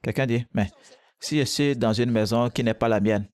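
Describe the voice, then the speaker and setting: A man's voice: medium pitch, normal speed, a little mellow, clean tone, no room sound. A man preaching a sermon, emphatic and exhorting, with short repeated calls to the listeners.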